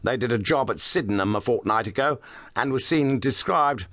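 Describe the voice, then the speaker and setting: A brisk young police inspector , as a reader voices him, eager and sure of himself, rattling through his account a little above the reader's own voice. The sound is close and dry. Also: medium pitch, fairly bright tone, dry recording, pitched above the performer's own voice, natural voice.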